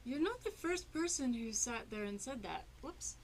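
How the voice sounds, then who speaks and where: A woman's voice: high-pitched, very animated, normal speed, slight background noise. A woman hosting a casual interview on a local TV show, rambling with many fillers and restarts. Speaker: TV talk show host. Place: public access TV studio.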